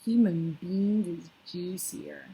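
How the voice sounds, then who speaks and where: A hulking, coarse giant with a slow, booming growl, as a woman reading aloud puts him on. He drags out his words, heavy and menacing, straight out of a read-aloud storybook. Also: wildly swooping pitch, warm tone, heavily acted. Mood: gruff, menacing. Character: huge brutish male giant, greedy and coarse.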